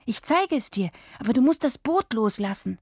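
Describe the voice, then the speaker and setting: A woman doing a carefree mermaid girl, teasing and bright. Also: on the high side, sing-song, moderate pace, husky, dry recording, clean studio sound, voice pushed up, exaggerated voice. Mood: playful. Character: playful, mischievous mermaid girl. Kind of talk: radio drama read-aloud.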